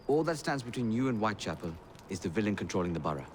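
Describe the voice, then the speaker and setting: An actor playing a brisk Victorian informant in a game cutscene, speaking in a matter-of-fact manner. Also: male voice, fairly low pitch, big pitch swings, darkish tone, slight background noise. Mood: urgent. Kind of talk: video game cutscene acting.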